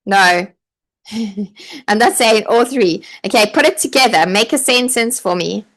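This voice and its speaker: A woman with a fairly high, animated voice takes her time as she leads a live online training session. Coaching hopeful online teachers, she's chatty and supportive, reads comments from viewers, and uses lots of "like" and "okay."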